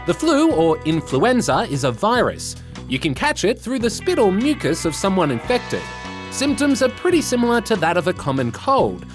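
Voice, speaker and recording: A man's voice: high voice, wildly swooping pitch, moderate pace, music in the background. A man with an Australian accent presenting scripted educational news for children in a playful, explanatory way.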